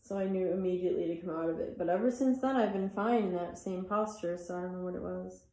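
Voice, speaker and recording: A woman's voice: lowish voice, fast talker, mellow. Tired, chatty yoga teacher woman, roomy echo. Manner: chatty, apologizes for talking too much. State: tired, yawning. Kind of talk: guided yoga class instruction. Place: athletic club room.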